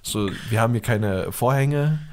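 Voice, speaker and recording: A man's voice: mid-range voice, unhurried, a little hiss or hum. A man hosting a casual chat, teasing his guest in blunt, crude banter.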